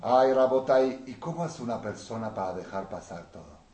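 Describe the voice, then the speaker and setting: A man's voice: medium pitch, moderate pace. Man, rabbi, Torah lecture, emphatic rhetorical questions, reverberant room. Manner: animated, swinging from soft asides to loud emphatic questions. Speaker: rabbi teaching a Torah class. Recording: roomy with faint noise.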